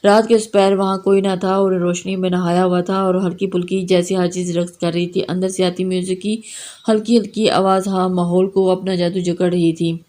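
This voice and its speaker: A woman reading a romance novel aloud as storybook narration, measured and unhurried. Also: on the low side, flat delivery, mellow. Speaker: novel reader.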